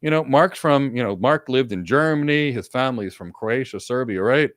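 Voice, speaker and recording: He sounds animated and a little fast, his mid-range voice fairly bright. Co-hosting a live webcam session on career questions from a home office with multiple monitors, he delivers earnest advice as short instructions he keeps repeating, recorded via desk webcam on a video call with studio quality and no room sound.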